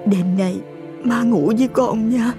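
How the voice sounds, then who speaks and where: A man voicing a gentle, grieving middle-aged mother who speaks softly and tenderly. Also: high-pitched, lively intonation, a little slow, over music, pitched above the performer's own voice. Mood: gentle sorrow. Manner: soft and tender.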